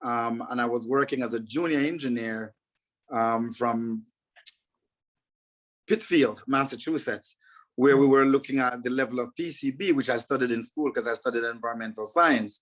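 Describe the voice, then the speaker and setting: A Jamaican man, interviewed as a guest, recounts his story earnestly and in a measured way, often using filler words. His voice sits at medium pitch, and the recording is rough.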